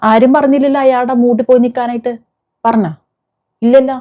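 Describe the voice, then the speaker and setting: In dull, muffled lo-fi audio, a woman commentator with a Kerala Malayalam accent indignantly scolds her viewers, asking rhetorical questions in an informal style. Her fairly high voice has fairly even intonation and a quick pace.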